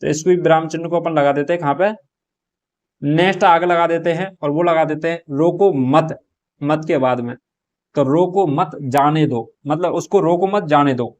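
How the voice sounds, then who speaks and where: A man works through a model paper like a classroom teacher. His voice sits a little high for a man. He poses a question to his students and then answers it himself. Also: a little fast, highs cut off. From Rajasthan. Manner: explains step by step, asks and answers his own questions. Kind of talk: exam prep lesson, solving a model paper.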